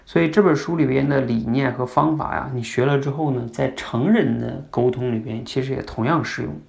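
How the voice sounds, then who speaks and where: A man's voice: mid-range voice, a little fast, vocal fry, a little mellow. A man hosting a podcast that teaches communication, explaining in a conversational way and often asking his listeners questions.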